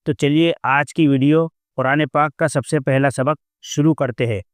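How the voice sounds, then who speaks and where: A man teaching a Quran lesson, explaining each word plainly and then reciting it slowly with long drawn-out sounds. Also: on the high side, fairly even intonation, clear, resonant tone, no room sound, studio quality.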